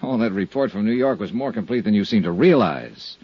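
A man's voice: on the low side, expressive, brisk, breathy edge, no room sound. An actor playing a blunt, world-weary male insurance investigator in an old radio drama, narrating in clipped, sardonic tones. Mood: accusing. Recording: dull lo-fi old radio broadcast.

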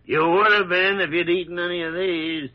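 A man playing a gruff, older senior doctor who grumbles and stammers when worked up, in 1940s radio drama style. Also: high voice, fairly even intonation, normal speed, natural voice. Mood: grave, brisk. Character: crusty, gruff senior doctor, irascible but loyal mentor. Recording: dull old radio recording.

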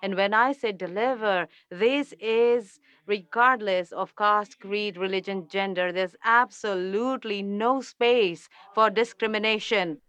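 A woman speaking as a live interpreter at a press conference, with measured, deliberate phrasing. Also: mid-range voice, fairly bright tone, clear, resonant tone, no room sound. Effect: live interpreter voice relayed from a press conference. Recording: dull, distant press conference audio.

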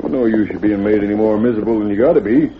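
A man's voice: lowish voice, rapid-fire, lightly acted. A man playing a firm but fair, patient sheriff in an old radio western, speaking in a folksy American Western drawl. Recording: muffled, noisy old radio recording.

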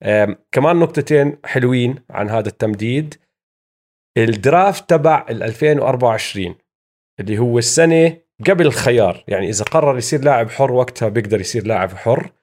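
Quick-talking man with a Levantine Arabic accent. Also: mid-range voice, expressive, darkish tone. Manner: mixes English sports terms into Arabic. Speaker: sports show host. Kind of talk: casual basketball news commentary.

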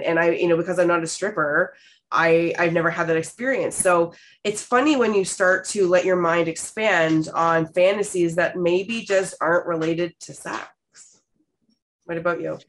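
A woman in her thirties from Canada, hosting a podcast and telling stories in a candid, expressive way with casual swearing. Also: on the low side. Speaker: podcast host. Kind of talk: casual storytelling chat.

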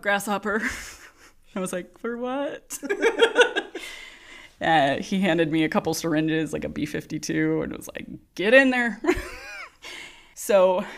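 A woman's voice: low voice, gravelly. Laughing woman telling a work story. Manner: animated, laughing, acts out voices in her stories. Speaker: podcast guest, nurse. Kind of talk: casual storytelling chat.

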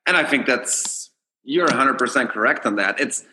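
A bright, forceful-toned man from Austria whose first language is German. He is a former hockey player talking casually as a podcast guest, thinking aloud and circling back on his words. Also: medium pitch, animated, moderate pace, a little hiss or hum. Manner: loose, repeats and restarts words while thinking aloud. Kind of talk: casual chat.

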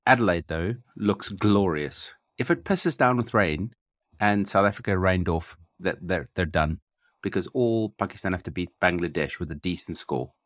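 A man with a fairly low voice in a dry recording. He banters casually as a podcast co-host, slightly tipsy and mock-formal in his phrasing. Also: lively intonation, moderate pace, fairly bright tone, dry recording.

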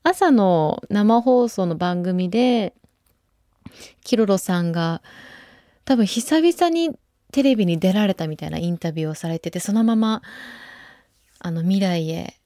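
A woman in her twenties hosting a radio show, chatting casually and relaxed, with frequent soft asides. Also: fairly low pitch, dry recording, clean studio sound. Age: 20s. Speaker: radio host. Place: radio studio. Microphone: studio microphone.

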